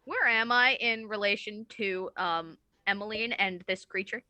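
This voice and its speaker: A woman's voice: mid-range voice, measured pace, bright, forceful tone, dry recording. A woman playing a tabletop game on a live stream, making dry, wry remarks. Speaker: player.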